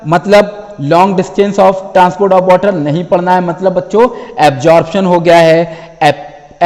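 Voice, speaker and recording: High-voiced male teacher in a reverberant hall. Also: darkish tone. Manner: addresses students as children, repeats phrases; reads English topic names slowly from a list. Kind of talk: exam syllabus lesson.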